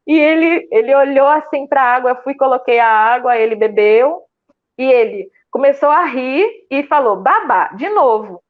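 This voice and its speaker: A woman with a Brazilian Portuguese accent telling her story in a casual interview, animated and full of fillers and restarts. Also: high voice, moderate pace, narrow, tinny audio. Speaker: student telling her experience.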